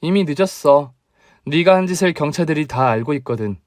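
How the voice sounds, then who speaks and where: A man's voice: fairly high pitch, animated, fairly quick, a little mellow, dry recording, studio quality, voice pushed up, lightly acted. A man voicing a young wife who taunts and scorns her rival in a radio drama. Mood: scornful. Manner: sneering and taunting. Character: mocking, triumphant wife, young woman.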